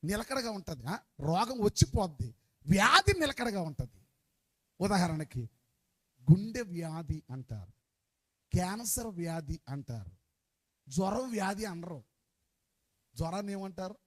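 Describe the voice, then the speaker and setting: High-voiced man preaching, shouting then dropping quiet. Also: big pitch swings, unhurried, long pauses. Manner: call-and-response, urging the congregation to answer louder; swings between quiet asides and shouted exclamations. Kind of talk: sermon.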